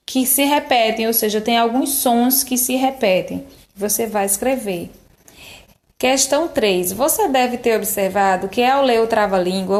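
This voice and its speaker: A woman teacher, patiently explaining a workbook to young children and stretching out syllables to model the sounds. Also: on the high side. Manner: drawn-out syllables to model sounds, affectionate diminutives.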